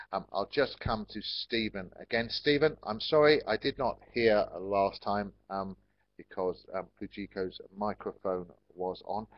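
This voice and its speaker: Speaking at a very slow pace, this English man with a deep voice leads an online lesson, offering learners polite encouragement in plain, careful phrases. His call audio is lo-fi and very dry, carrying no room sound at all.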